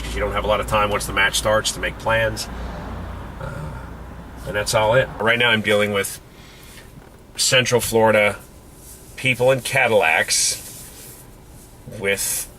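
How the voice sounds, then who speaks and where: A man's voice: lowish voice, little pitch movement, moderate pace, long pauses, bright, forceful tone. A man vlogging casually at an outdoor shooting range, matter-of-factly walking through his plan and counting out shot sequences. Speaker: competitive pistol shooter and vlogger. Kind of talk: casual on-location walkthrough. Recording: noisy outdoor camera audio.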